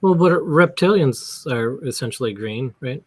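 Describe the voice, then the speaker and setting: A man's voice: mid-range voice, animated, moderate pace, husky, dry recording. A man on a discussion panel who speaks precisely and corrects points of definition.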